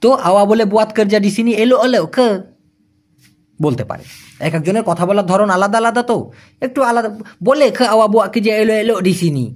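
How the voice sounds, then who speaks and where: A man whose first language is Bengali, teaching Malay job-interview phrases and repeating each one slowly. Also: sits high.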